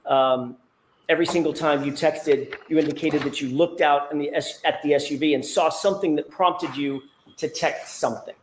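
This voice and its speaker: A man questions a witness in a courtroom, pressing her step by step with pointed, methodical leading questions. His voice sits a little high for a man, over a faint hiss. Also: moderate pace, rough recording. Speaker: defense attorney cross-examining a witness. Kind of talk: courtroom cross-examination.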